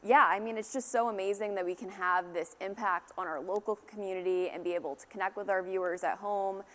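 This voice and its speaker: A woman's voice: medium pitch, steady tone, fairly quick, a bit bright. A young woman co-hosting a live telethon, speaking earnestly and appreciatively. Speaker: telethon co-host. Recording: reverberant studio hall.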